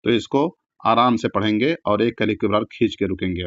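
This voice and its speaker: With a lowish voice on a dry, muffled recording, a man chants Quran verses slowly, drawing out long sounds. He then explains the recitation rules quickly in plain speech.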